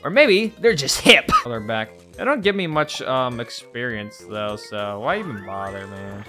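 A woman giving casual, playful let's-play commentary, giggling and swinging between high squeals and low mutters. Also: animated, moderate pace, music in the background. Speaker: gamer.

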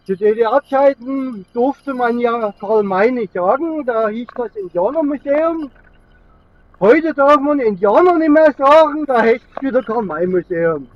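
A middle-aged male vlogger with a high-pitched voice chats casually while driving, recorded by a camera mounted inside the moving car. The air conditioning runs, and the audio is thin, phone-like, and tinny with road noise. He's expressive and speaks at a measured pace.

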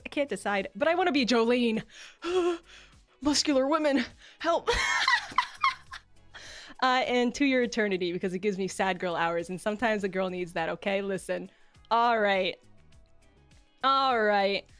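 A woman streamer chatting casually on a livestream in a playful, giggly, self-deprecating way. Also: medium pitch. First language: English. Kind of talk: casual livestream chat, debut introduction. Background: background music.

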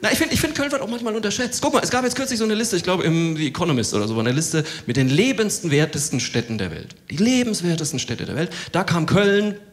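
A man doing stand-up comedy in German in front of a live audience, chatty and telling anecdotes. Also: sits high. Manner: chatty, acts out others' voices in anecdotes. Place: theater stage before a live audience.

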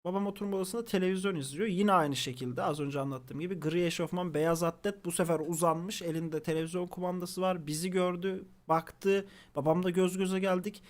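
A young man from Turkey, a streamer, casually telling stories to his chat, animated and swearing freely. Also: high voice, fairly quick, hardly any pauses.

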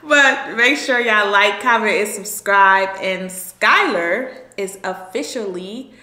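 A woman's voice: mid-range voice, takes it slowly, bright, forceful tone, echoey room. A young woman hosting a casual interview, reading out viewer questions in a chatty, slangy way. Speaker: host. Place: lounge room indoors.

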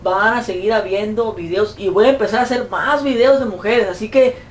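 A man with a Mexican accent, a YouTuber answering fan questions in a profane, mocking comic rant. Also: fairly quick. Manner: profane, mocking, shrill put-on voices when quoting. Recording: roomy echo, distant mic, faint noise.

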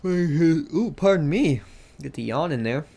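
A man's voice: a little high, expressive, normal speed, creaky, mellow. A young man hosting a let's play, giving casual, joking gameplay commentary full of slang. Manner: joking, slangy, talks to himself.

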